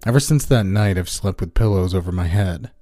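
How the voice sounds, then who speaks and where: A man narrating a scripted first-person scary story in a measured, deliberate way, as a storyteller. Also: low voice, dark tone, no echo. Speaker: narrator of listener-submitted scary stories. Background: background music.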